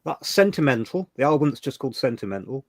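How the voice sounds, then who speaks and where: In a casual reminiscing chat on a livestream, an older English co-host gets chatty and emotional, swearing mildly. He talks fast in a sing-song, mid-range voice. The recording has no echo.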